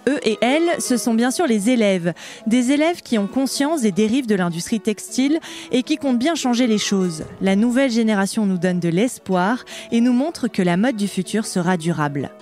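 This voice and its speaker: A woman podcast host reading scripted narration in a clear, measured way. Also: a little high, lively intonation, darkish tone, soft background music.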